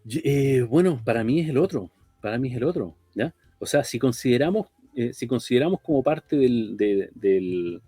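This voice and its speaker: Thoughtful man, mellow voice. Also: mid-range voice, lively intonation, normal speed, hardly any pauses, husky, no echo, clean studio sound, soft background music. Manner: thoughtful, often ends phrases with a questioning tag. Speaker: radio program co-host. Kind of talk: reflective conversational talk.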